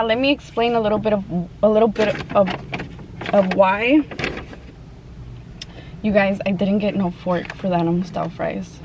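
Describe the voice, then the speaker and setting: A woman chatting casually and haltingly to viewers in slangy, informal speech while eating, sometimes with her mouth full. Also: medium pitch. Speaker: mukbang vlogger. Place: open-top Jeep outdoors. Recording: clear car and outdoor ambient noise.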